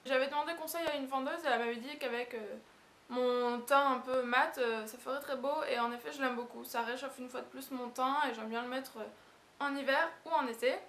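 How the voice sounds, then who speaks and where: High-voiced chatty woman beauty vlogger. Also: steady tone, a little fast, fairly bright tone. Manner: chatty, rambling, hesitant. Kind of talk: casual product review. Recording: echoey room with hiss.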